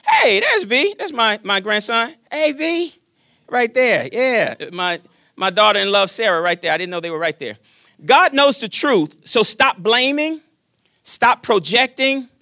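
A grandfather in his fifties preaching a sermon in a folksy, joking manner, swinging between loud declarations and quiet asides. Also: high-pitched, no room sound, clean studio sound. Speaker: pastor.

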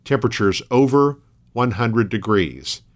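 A man hosting a local radio news program, reading scripted items in a measured, matter-of-fact way. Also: mid-range voice, lively intonation.

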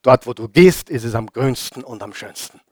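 A man with an Austrian German accent preaching a sermon as pastor. He hammers home repeated phrases, asks the congregation questions, and swings between loud and hushed delivery. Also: medium pitch, expressive, moderate pace, no echo, clean studio sound.

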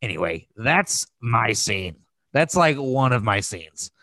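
A podcast host with a lowish voice chats casually about films, sounding very animated yet slow, his tone pushed and bright with no echo. He gushes emphatically and crassly, swearing freely.

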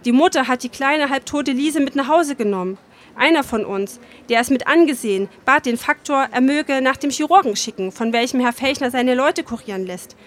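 A woman's voice: high voice, normal speed, lightly acted. A woman reading the part of a shy young male factory worker in a story, pleading earnestly and sorrowfully.

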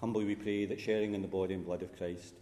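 A man, a priest, reciting funeral Mass prayers in a measured, solemn way, his voice ringing with cathedral echo. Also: lowish voice, little pitch movement, mellow. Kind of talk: liturgical recitation. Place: large church. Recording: long reverb in a large church, faint ambience.

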